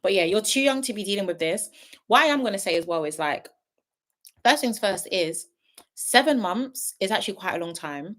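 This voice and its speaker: A woman's voice: mid-range voice, lively intonation, normal speed, fairly bright tone. Woman, late twenties, livestream host, casual and frank with viewers. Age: 20s. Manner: chatty, gives frank big-sister advice to viewers. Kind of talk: casual livestream chat reading viewer comments.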